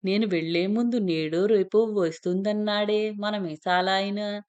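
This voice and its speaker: A woman voicing a devout older mother-in-law who talks in a hurried, bossy way. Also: mid-range voice, fairly even intonation, a little mellow, clear, resonant tone, highs cut off, lightly acted. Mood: eager.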